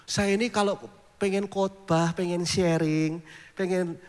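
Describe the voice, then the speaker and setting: Animated man preaching in a reverberant hall. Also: high-pitched, measured pace. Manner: animated storytelling, mimics voices for humor. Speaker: pastor. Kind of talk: sermon. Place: church.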